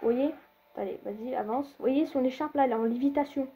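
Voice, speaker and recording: A woman's voice: high voice, fast talker, breathy edge, lo-fi sound. A young woman rambling through a casual gameplay commentary, talking straight to her viewers with lots of fillers and hesitations. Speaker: gaming video creator.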